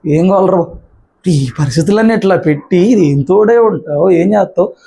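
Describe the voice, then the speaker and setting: A pastor preaches a sermon to his church congregation, driving his point home with repetition and rhetorical questions. His high-pitched voice is warm, gravelly and slightly breathy, with lively intonation at a moderate pace.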